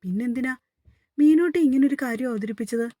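A woman's voice: high-pitched, a little fast, no room sound. A woman voicing a teasing young husband, playful and firm, in a story read aloud. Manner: teasing, gently mocking.

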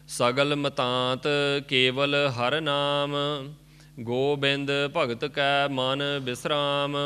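Man slowly chanting scripture, bright and clear. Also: mid-range voice. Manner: measured, drawn-out chanting. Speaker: student reciter. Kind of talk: slow chanted scripture recitation.

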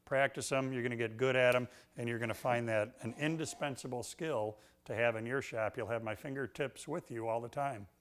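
A man's voice: medium pitch, a little fast, hardly any pauses. Middle-aged man, woodworking instructor, folksy, dry humor, shop demo, lapel mic. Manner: relaxed, folksy, joking. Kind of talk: instructional demonstration.

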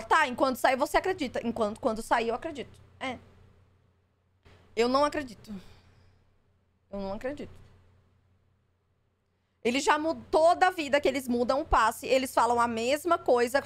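A woman streamer reacting live, skeptical and exasperated, swearing freely. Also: high-pitched. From Brazil.

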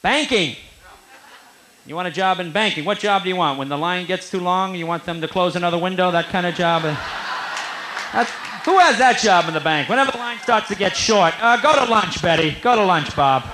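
A man in his thirties doing stand-up crowd work in a comedy club, teasing the audience with quick, animated riffs. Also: high-pitched. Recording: live club recording with faint room noise.

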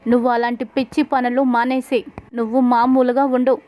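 A woman voicing a firm young sister-in-law who lectures and scolds forcefully. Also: fairly high pitch, flat delivery, normal speed, lightly acted. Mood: scolding.

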